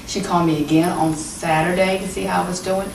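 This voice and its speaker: Her lowish, steady voice carries some vocal fry and moves a little fast as she, a woman in her fifties, responds to interview questions about her experience as a patient. She talks casually with hesitant fillers, off-mic in an echoey, noisy room.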